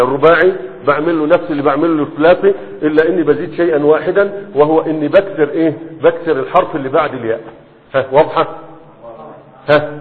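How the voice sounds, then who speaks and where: Man lecturing, tinny with hall echo. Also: fairly high pitch. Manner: constantly checks understanding with quick questions. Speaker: teacher of Arabic morphology. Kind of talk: classroom lecture. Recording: tinny phone-like sound with long hall echo.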